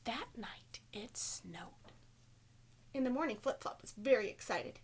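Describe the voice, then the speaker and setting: Whispering at a measured pace, an elementary school teacher with a voice on the high side reads a picture book to children in an animated way. She keeps it expressive and asks the listeners simple questions.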